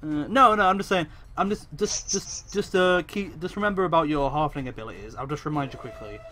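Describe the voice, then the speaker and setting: A man's voice: on the high side, brisk, bright, forceful tone. A man running a tabletop game as game master, narrating the action in a hesitant, apologetic way, full of fillers and restarts.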